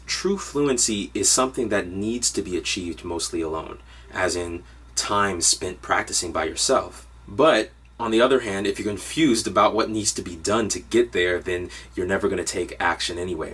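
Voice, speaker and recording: A man's voice: deep voice, moderate pace, fairly bright tone, husky, far from the mic. A man giving an upbeat, direct online lesson on piano harmony. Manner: upbeat, direct instructional delivery. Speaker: music teacher.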